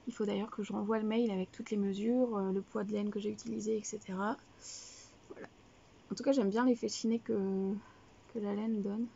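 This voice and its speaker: A woman's voice: medium pitch, steady tone, brisk, creaky, mellow, husky, dull audio. A young woman hosting a knitting video podcast, chatting casually and rambling with many fillers and self-corrections. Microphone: camera, showing items to viewers.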